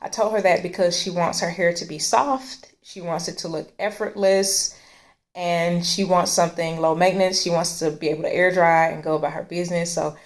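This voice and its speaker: A woman with a somewhat low voice walks through hair care advice in a relaxed, conversational way. She hosts the chat and explains things step by step, with the odd filler. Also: normal speed. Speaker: host.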